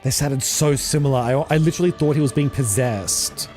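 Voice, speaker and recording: Guy streaming a game, hyped and swearing a lot, game music quietly playing behind. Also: mid-range voice, fairly quick. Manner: excitable, swears a lot, thinks aloud. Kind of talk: casual live-stream commentary. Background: faint game music.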